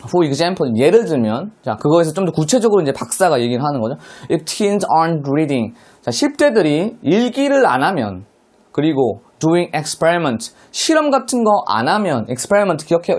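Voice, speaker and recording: A man's voice: on the high side, very animated, unhurried, a little mellow. Man teaching an English lesson. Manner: explains step by step, asks rhetorical questions. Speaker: high school English teacher. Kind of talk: online classroom lecture explaining a textbook.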